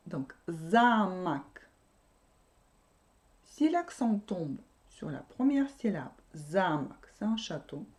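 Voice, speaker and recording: A woman teaches a language lesson in a mellow, darker voice. Her pitch rises and falls expressively as she repeats and patiently explains each new word.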